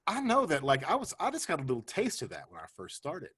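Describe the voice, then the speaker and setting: A man's voice: a little high, wildly swooping pitch, fast talker, a bit bright, slightly rough. A man hosting a casual video-call chat, laid-back, laughing easily and swearing casually. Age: 40s. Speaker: host.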